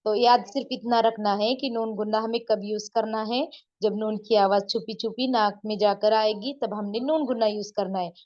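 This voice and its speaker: A woman's voice: mid-range voice, steady tone, highs cut off. A woman giving an online beginner Urdu lesson, explaining patiently and repeating herself, often checking with her listeners and drawing out sounds to demonstrate them. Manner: patient, repetitive explaining with frequent checks like "isn't it?"; drawn-out demonstrations of word sounds. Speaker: Urdu teacher.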